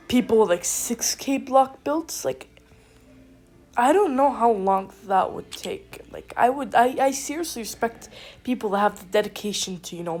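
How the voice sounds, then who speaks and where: Excitable young woman with a stuffy nose. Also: a little high. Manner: rambling, excitable, self-interrupting. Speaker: gaming video creator. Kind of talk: casual gameplay commentary.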